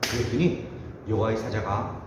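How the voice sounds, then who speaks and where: A man preaching a sermon to a youth group, animated and self-mocking, acting out the people in the story. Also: fairly low pitch, normal speed, noisy background. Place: church hall. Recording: echoey hall with faint ambience.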